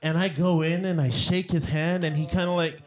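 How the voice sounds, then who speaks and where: A man, a guest artist, telling animated anecdotes in casual conversation, often laughing as he goes. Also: a little high, normal speed. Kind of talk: casual storytelling.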